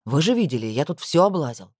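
An audiobook narrator voicing a laid-back, skeptical male police captain who talks things through slowly and dryly. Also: mid-range voice, big pitch swings, darkish tone, dry recording. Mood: skeptical, weary. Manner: dry, laid-back, slow and reasoning. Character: weary skeptical police captain, man, unhurried.

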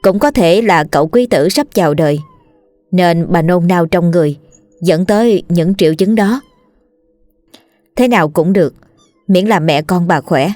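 Woman narrating a horror tale, low-pitched. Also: moderate pace, pauses often, a little mellow, no room sound, soft background music. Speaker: storyteller. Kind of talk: scripted horror story narration.

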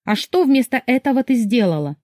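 A woman's voice: on the high side, very animated, brisk, a little mellow, dry recording, clean studio sound, pitched above the performer's own voice. A woman voicing a stern mother who scolds her daughter in a firm, insistent tone. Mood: reproachful. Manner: firm, reproachful.

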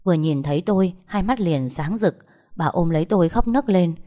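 A woman narrating a first-person story in a steady, measured way. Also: on the low side.

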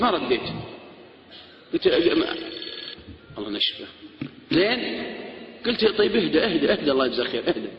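A man giving a humorous lecture as a preacher, telling jokey stories and acting out other people's voices. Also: high voice. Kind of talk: humorous lecture with acted anecdotes. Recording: echoey hall, dull lo-fi sound.

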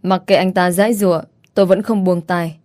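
A woman's voice: on the low side, steady tone, a little fast, a little mellow. A woman narrating a first-person story in an audiobook reading.

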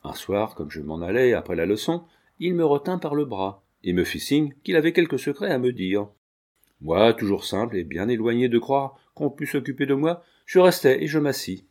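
Homme lisant un roman à voix posée. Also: male voice, medium pitch, big pitch swings, moderate pace, darkish tone. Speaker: audiobook reader. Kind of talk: scripted narration.

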